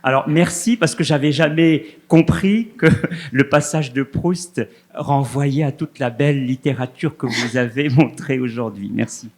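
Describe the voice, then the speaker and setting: A man in the audience asking a long, polite question, pausing often and hesitating. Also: mid-range voice, darkish tone. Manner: hesitant, many "euh" pauses, polite. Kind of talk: halting question from the floor.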